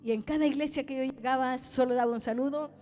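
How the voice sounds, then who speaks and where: A woman's voice: high-pitched, fairly even intonation, fast, mellow. A woman evangelist preaching a testimony sermon, acting out dialogue and calling her listeners brothers. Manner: storytelling, addresses listeners as brothers, acts out dialogue.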